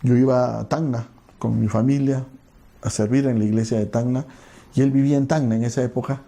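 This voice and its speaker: Earnest pastor, gravelly dark voice. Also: male voice, medium pitch, fairly even intonation, brisk. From Peru. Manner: earnest storytelling, falling to a hushed prayerful tone. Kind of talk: sermon with personal story and prayer.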